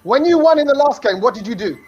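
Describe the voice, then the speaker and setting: A man with a strikingly high voice hosts a live cricket fan show, bouncing along with playful, teasing energy. The sound is dull and lo-fi. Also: lively intonation, quick pace, darkish tone, slightly rough. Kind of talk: lively live-stream chat.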